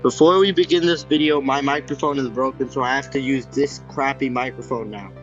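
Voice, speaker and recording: A man of middle pitch chats loosely through a tech vlog, full of fillers and jokes at his own expense. His voice comes through a headphone mic, with the smeared, gated sound of noise reduction artifacts. Faint music plays behind him. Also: fairly even intonation, a little fast, fairly bright tone, dull audio. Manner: rambling, self-deprecating, many fillers. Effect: noise reduction artifacts from noise suppression. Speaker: tech channel host. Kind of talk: casual chatty vlog. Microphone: headphone built-in mic.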